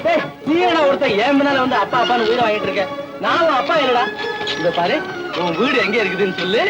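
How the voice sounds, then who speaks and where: An actor playing a flustered, sarcastic young bachelor in an old film comedy, grumbling in exasperation. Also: male voice, extremely high pitch, animated, fast, dull audio. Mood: indignant. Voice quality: comic exasperated grumbling, mutters "karmam". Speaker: bachelor pestered by a lost boy. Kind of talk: 1960s film comedy acting. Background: film score music.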